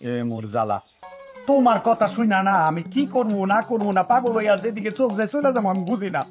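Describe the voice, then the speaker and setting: An actor playing a scheming husband who takes a second wife, talking in a lively dialect-heavy way. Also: male voice, sits high, soft background music. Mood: scolding. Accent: Bangladeshi Bangla dialect. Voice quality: animated, lively, fast talker. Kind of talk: comic TV drama.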